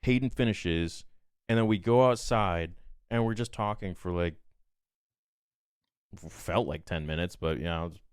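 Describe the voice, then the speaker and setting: A man, a podcast guest, casually retelling a story in an animated, rambling way, peppered with "I'm like.". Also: sits low, moderate pace, long pauses, clean tone, no echo, clean studio sound.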